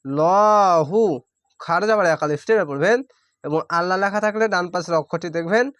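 A man teaching Quran reading, spelling out each syllable plainly and drawing out the recited words slowly. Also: high-pitched, fairly bright tone, no room sound.

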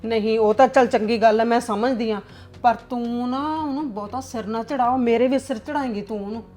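A woman's voice: fairly high pitch, steady tone, a little fast, a little mellow, natural voice. A woman acting as a scheming, nagging middle-aged mother-in-law who lectures and scolds in a family drama. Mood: lecturing.

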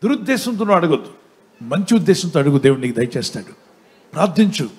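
A man's voice: a little high, very animated, quick pace, a little mellow, slightly rough. A male pastor giving a live sermon, telling a humorous story and calling out to the congregation for responses.

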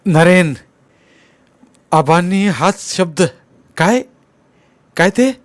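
A man's voice: high-pitched, fairly even intonation, measured pace, no room sound, pitched above the performer's own voice. A man voicing a frail, breathless elderly man who speaks in trembling, gasping phrases in an audiobook. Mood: agitated. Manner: trembling, gasping, strained cries.

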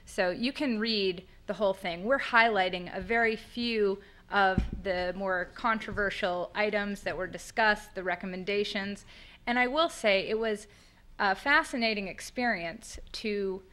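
Bright-voiced American woman with a lateral lisp. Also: mid-range voice, unhurried. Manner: conversational, explanatory, with rhetorical questions. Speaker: panelist presenting at a law school conference. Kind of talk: semi-formal spoken presentation. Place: indoor lecture room at a podium. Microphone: podium microphone on a boom stand.

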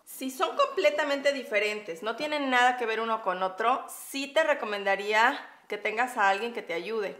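Her voice is on the high side and slightly bright: a Mexican-accented beauty vlogger in her thirties, bubbly and laughing often as she talks to viewers during her makeup routine. The casual vlog is recorded in a room with echo.

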